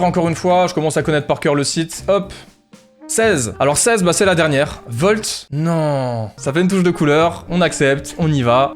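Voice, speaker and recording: Fast-talking excitable man. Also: a little high. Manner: fast, excitable, swearing, jokey asides. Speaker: YouTuber. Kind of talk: casual vlog commentary.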